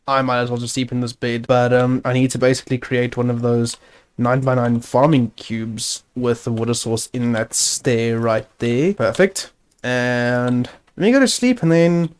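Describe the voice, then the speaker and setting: A man's voice: medium pitch, darkish tone, clear, resonant tone. Man chatting through his gameplay. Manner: chatty, self-narrating, wry asides. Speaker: gaming video host. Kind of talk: casual gameplay commentary.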